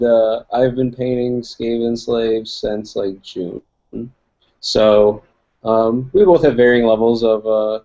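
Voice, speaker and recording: A young man with a medium-pitched, dark voice co-hosts a casual tabletop wargaming conversation. His speech meanders with lots of fillers and laughing, and the lo-fi recording sounds dull.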